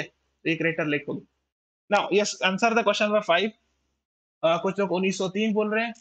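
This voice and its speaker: A man's voice: high voice, a bit bright, poor audio. A man with an Indian English accent teaching a live online class, switching between Hindi and English and checking in with viewers. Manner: mixes Hindi and English, checks in often with listeners; reads out viewer names and answers. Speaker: exam prep teacher.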